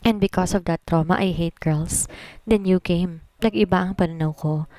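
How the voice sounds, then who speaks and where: A woman voicing a possessive, brooding rich young man in a soft, insistent tone. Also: on the low side, normal speed, dry recording, close to an everyday voice.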